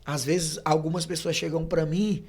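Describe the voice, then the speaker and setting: A man's voice: fairly high pitch, normal speed, husky. A man, an evangelist guest on a podcast, telling his testimony in casual chat and acting out the voices in his stories. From Brazil. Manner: animated storyteller, acts out dialogue.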